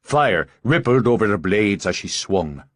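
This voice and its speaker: A male audiobook narrator with a low voice and very lively, dramatic delivery. The recording is close and dry. He reads battle scenes with expressive swings. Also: measured pace, no echo.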